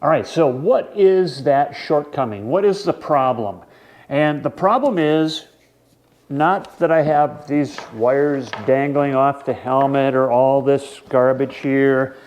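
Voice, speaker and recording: A man with a medium-pitched voice talks as a vlog host. He explains gear casually and conversationally, halting now and then and stretching words. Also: a little mellow, slight background noise.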